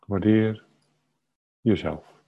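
A man leading a guided meditation, speaking calmly and unhurriedly in short phrases with long pauses and a husky, soft-edged voice. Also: on the low side, narrow, tinny audio. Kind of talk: slow guided meditation narration.

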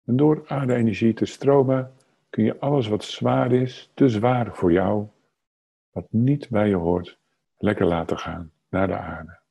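A man leading a guided meditation, speaking calmly and unhurriedly in short phrases with long pauses and a husky, soft-edged voice. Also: on the low side. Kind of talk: slow guided meditation narration.

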